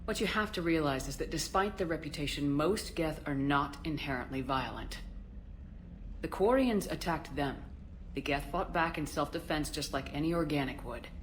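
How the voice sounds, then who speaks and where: A woman's voice: deep voice, animated, normal speed, a little hiss or hum. An actress playing a confident, resolute female military commander in a game, direct and assured. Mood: firm, persuasive. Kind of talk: scripted game dialogue.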